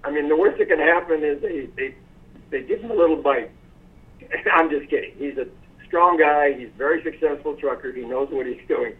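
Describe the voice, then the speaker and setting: A man's voice: fairly high pitch, normal speed. A man hosting a sales conference call, praising his team effusively and giving a motivational talk. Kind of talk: casual motivational speech. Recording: tinny phone line.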